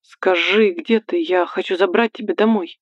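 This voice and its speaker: A woman's voice: fairly low pitch, steady tone, moderate pace, no room sound, highs cut off, natural voice. A woman reading the part of a selfish, controlling young man who commands and threatens his girlfriend. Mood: demanding. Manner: commanding and menacing, turns coaxing.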